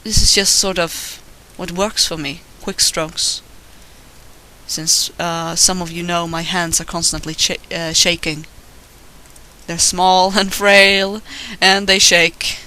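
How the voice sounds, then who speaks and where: A digital artist with a Swedish accent narrates his drawing in a voice-over recorded as he works, rambling casually, putting himself down and swearing now and then. His high male voice is pushed and bright, with little pitch movement and an unhurried pace. The low-quality recording carries a little hiss or hum.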